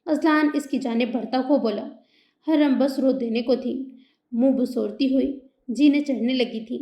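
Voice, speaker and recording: A woman's voice: sits high, measured pace, warm tone, echoey room. A woman reading a romance novel aloud as an audiobook narrator, in a plain reading voice with only small shifts for the characters.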